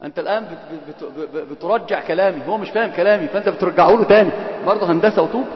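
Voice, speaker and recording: A man's voice: sits high, rapid-fire. A man teaching an Islamic lesson, switching between classical and colloquial speech and teasing and quizzing his students. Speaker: religious teacher. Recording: echoey hall, dull lo-fi sound.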